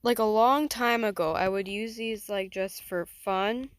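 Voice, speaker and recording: A woman's voice: mid-range voice, fairly even intonation, measured pace, smooth, dry recording. A woman giving casual, rambling gameplay commentary, thinking aloud as she builds. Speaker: gaming vlogger.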